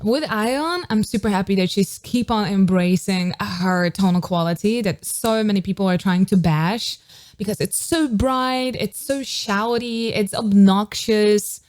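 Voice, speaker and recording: A woman's voice: mid-range voice, measured pace, darkish tone. A woman vocal coach giving an enthusiastic, casual reaction to a pop song, now and then singing short riffs to show a technique. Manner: enthusiastic, demonstrates sung riffs.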